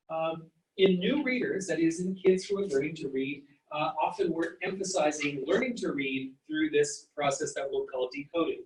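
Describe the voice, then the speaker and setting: A man giving a university psychology lecture, explaining step by step and sounding out letters and words. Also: a little high. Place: lecture hall. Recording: echoey room, mic at a distance.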